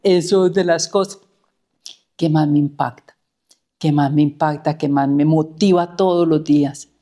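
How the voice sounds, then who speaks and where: A woman's voice: low voice, steady tone, moderate pace, dark tone. A middle-aged woman, a therapist telling her own story in an anecdotal way and repeating words for emphasis. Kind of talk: personal storytelling.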